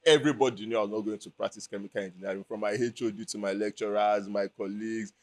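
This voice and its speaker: A young Nigerian man chatting as an interview guest, relaxed and easygoing, with dry humor. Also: fairly low pitch, fast. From Lagos, Nigeria. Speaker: guest speaker. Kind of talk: casual interview chat.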